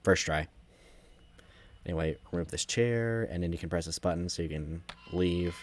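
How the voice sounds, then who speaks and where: Low-voiced man giving casual game commentary. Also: moderate pace. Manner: rambling, self-correcting, conversational. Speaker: gameplay commentator.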